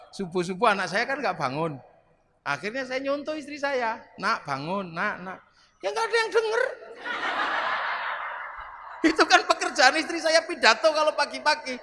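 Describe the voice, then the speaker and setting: High bright-voiced Javanese preacher. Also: male voice. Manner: animated, jokey, acts out voices. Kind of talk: humorous sermon storytelling. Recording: reverberant hall with faint noise.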